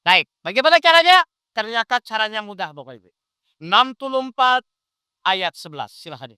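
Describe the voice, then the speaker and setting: A man's voice: high voice, brisk, clear, resonant tone, dry recording, studio quality. A man preaching an interactive sermon, asking his listeners question after question as he explains. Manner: animated, quizzes the audience with questions.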